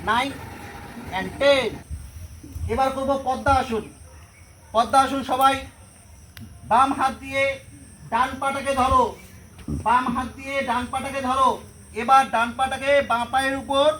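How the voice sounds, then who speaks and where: High, bright woman yoga teacher. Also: slight background noise, poor audio. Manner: gives steady step-by-step commands and counts aloud. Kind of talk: leading a children's yoga class.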